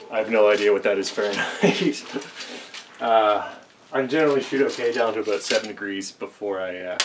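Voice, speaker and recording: This young archery vlogger rambles through a casual musing vlog, full of ums and self-deprecating remarks, his voice on the low side. He's in a small basement range indoors, and the camera mic picks him up from a few meters away as he moves and shoots, leaving a distant sound with a little noise.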